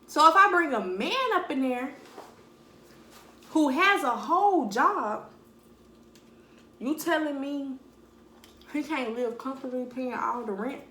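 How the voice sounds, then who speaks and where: Animated young woman, echoey room. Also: high voice, slow, long pauses. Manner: blunt, animated storytelling with slang. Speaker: vlogger. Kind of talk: casual mukbang monologue.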